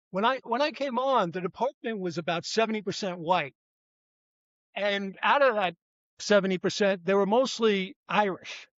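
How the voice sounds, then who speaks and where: A man's voice: sits high, no room sound, muffled recording. An older man, a retired police detective, talking as an interview guest in a rambling, self-correcting way. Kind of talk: conversational interview.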